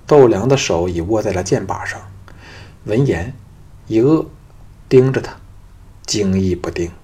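Deep, very husky male narrator. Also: lively intonation, measured pace, warm tone. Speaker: audiobook narrator. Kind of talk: scripted audiobook narration.

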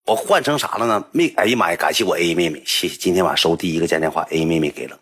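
A man with a Northeastern Mandarin accent telling a story casually to livestream viewers, chatty and animated. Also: sits low, racing, breathy edge.

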